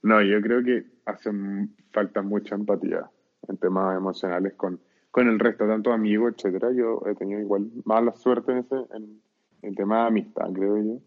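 A man's voice: lowish voice, fairly even intonation, normal speed. A young man with a Chilean accent, chatting casually and telling stories in slangy, talkative speech. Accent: Chilean Spanish. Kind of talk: casual chat. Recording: tinny phone-like line.

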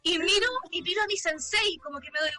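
A Chilean woman, a podcast guest, telling a story in animated, swearing casual chat and acting out the voices. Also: extremely high pitch, quick pace.

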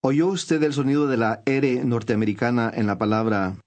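Guy narrating a language lesson, calm clear instructions, mid voice. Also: medium pitch, moderate pace. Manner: clear, patient teacher's instructions.

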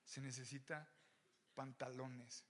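A young man with a Mexican accent preaching an animated, joking sermon to young people, often raising his voice. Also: medium pitch, slow. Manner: animated, joking, shouts to the crowd. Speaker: youth preacher. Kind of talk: lively sermon.

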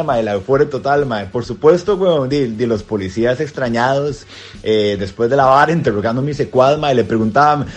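A young Costa Rican man with a Costa Rican accent telling a personal anecdote casually, animated and full of slang. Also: fairly high pitch. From Costa Rica. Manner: animated, slangy, rising excitement in action. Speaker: storyteller.

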